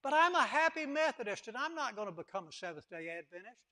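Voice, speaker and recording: A high-pitched, bright-toned male preacher delivering an impassioned sermon. He repeats words for emphasis and acts out the quotes he tells. His voice sounds sharp and forceful. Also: sing-song, quick pace.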